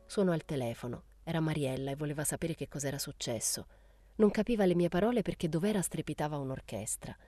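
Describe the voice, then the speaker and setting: A woman narrating a literary audiobook in a measured, unhurried way. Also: low voice, lively intonation, warm tone, dry recording. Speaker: audiobook reader.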